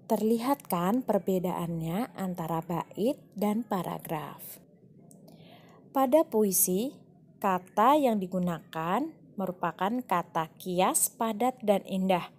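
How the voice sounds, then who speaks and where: A woman's voice: medium pitch, darkish tone, a little hiss or hum. A woman teaching a primary school class in a recorded online lesson, explaining patiently and reading examples aloud with feeling.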